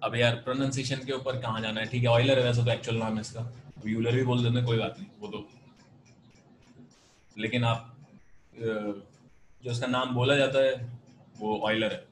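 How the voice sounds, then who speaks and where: An Indian-accented man teaches math over a video call in a patient, explaining way, drifting between Hindi and English. His voice sits in a mid pitch range. The audio is roomy, with a faint hum behind it. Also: level tone, moderate pace, long pauses. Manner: patient, explanatory, mixes Hindi and English, calls students "beta". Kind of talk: online class lecture.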